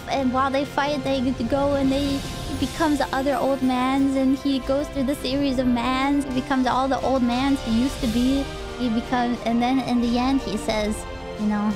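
A drunk woman livestreamer telling a story casually in a loose, rambling way. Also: sits high. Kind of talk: casual storytelling, retelling a game plot.

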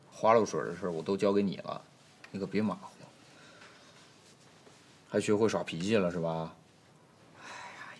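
In an audio drama with background music underneath, a man plays a harried lord of a household who is exasperated, scolding and flustered. His voice sits low, with a little hiss or hum.

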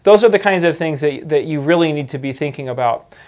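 Man explaining to camera, slightly high voice. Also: a little fast, darkish tone. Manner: conversational, frequent fillers and restarts. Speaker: indoor farming educator. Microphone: lapel mic.

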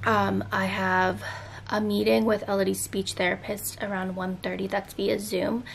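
A woman's voice: medium pitch, little pitch movement, normal speed, creaky, a little hiss or hum. A young woman, a stay-at-home mom, chatting casually to camera at home in a bubbly way, with lots of fillers. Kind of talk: casual vlog chat to camera. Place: family home.

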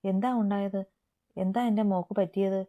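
A woman's voice: mid-range voice, little pitch movement, normal speed, close to an everyday voice. A woman voicing a hot-tempered young man who speaks harshly and commandingly in a story reading. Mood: stern. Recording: tinny phone-like sound.

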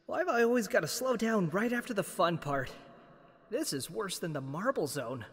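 A man's voice: high voice, lively intonation, moderate pace, slightly rough, in a large hall, full character voice. A man voicing a restless, wisecracking young male hedgehog in a fan audio drama, with wry quips that flare into exasperation.

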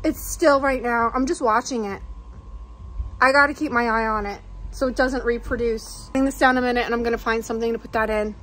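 A woman's voice: on the high side, fairly even intonation, fairly quick, a bit bright. A woman vlogging at home in a frightened, panicky way, repeating herself, gasping and laughing nervously. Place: house interior.

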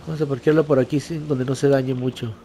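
A man's voice: medium pitch, steady tone, fast talker, dark tone, slight background noise. A man, casually commenting as he plays a game, yelping and swearing when startled. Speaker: let's play host.

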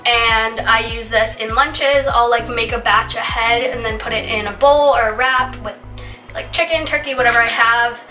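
A young woman in her twenties, a lifestyle vlogger, chats casually through a grocery haul, saying "like" a lot and sounding stuffy from a recent illness. Her voice is on the high side and sharp, with fairly even intonation and a moderate pace. Recorded indoors at home from a distant mic, the sound is roomy with background music.

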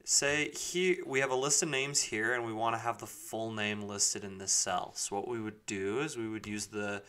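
A man giving a casual step-by-step software tutorial in an informal way, thinking aloud as he goes. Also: fairly low pitch, normal speed, clean tone. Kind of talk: casual screen-recorded spreadsheet tutorial.

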